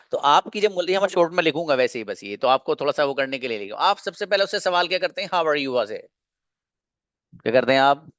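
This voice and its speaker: A man teaching spoken English in an online class, drilling phrases slowly and asking students to repeat them. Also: on the high side, fairly bright tone. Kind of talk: slow, explanatory online class.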